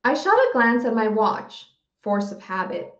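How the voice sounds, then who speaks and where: A woman teacher reading a novel aloud for students in a slow, steady voice. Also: on the high side. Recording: dull, roomy recording.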